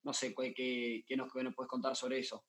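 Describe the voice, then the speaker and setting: A man's voice: medium pitch, little pitch movement, normal speed, fairly bright tone. Man, Argentine accent, interviewer, casual, filler-heavy questions. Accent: Argentine Spanish.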